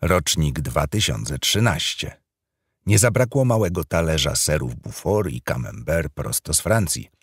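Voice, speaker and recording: A man narrating an audiobook thriller in an expressive storytelling manner. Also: extremely low pitch, measured pace, slightly rough, dry recording, studio quality.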